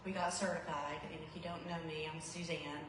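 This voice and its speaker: A middle-aged woman with a very low voice tells a casual, unplanned story at a memorial. A far-off mic leaves her sounding distant in a deeply echoing hall. Steady background noise is clearly heard. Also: a little fast. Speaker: eulogy speaker. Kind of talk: unscripted memorial speech.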